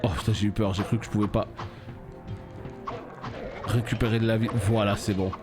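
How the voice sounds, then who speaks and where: A man streaming a game live, reacting loudly, swearing and talking to his chat. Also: on the low side, a little fast. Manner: excitable, swears, talks to chat. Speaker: gaming streamer. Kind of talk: live let's play commentary. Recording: music playing behind.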